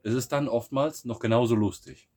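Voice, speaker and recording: A man from Germany co-hosting a podcast in casual chat, relaxed and musing, often restarting his sentences. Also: medium pitch, fairly quick. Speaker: podcast co-host.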